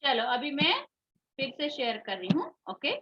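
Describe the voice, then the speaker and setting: A woman teacher giving an online phonics lesson to young children, drawing out each vowel sound slowly and calling her pupils affectionately. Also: high-pitched, big pitch swings, heavy background noise. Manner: slow, drawn-out vowel demonstrations, calls pupils "beta". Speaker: schoolteacher. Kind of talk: online English phonics class. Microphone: video call. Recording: dull lo-fi video-call audio.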